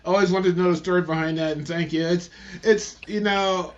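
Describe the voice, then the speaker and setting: High-voiced enthusiastic podcast host man. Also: fairly even intonation, brisk, lo-fi sound. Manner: enthusiastic, addresses listeners as folks. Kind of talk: casual interview.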